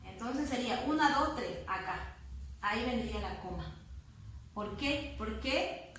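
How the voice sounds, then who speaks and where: A woman teacher explains a grammar lesson patiently, slowing down to repeat words one syllable at a time. Her fairly high voice sits some distance from the mic and rings in a strongly echoing room over faint background noise. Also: animated, fairly bright tone. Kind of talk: spanish grammar lesson to students.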